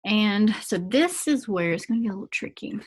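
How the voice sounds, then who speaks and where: A woman's voice: medium pitch, animated, fairly quick, breathy edge. A woman teacher explaining a reading assignment to her students in a patient, casual manner. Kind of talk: recorded remote reading lesson.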